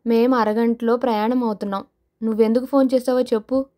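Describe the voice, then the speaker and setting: Woman as young wife, firm, insistent, fairly high voice, audio novel. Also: normal speed, warm tone, lightly acted. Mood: uneasy.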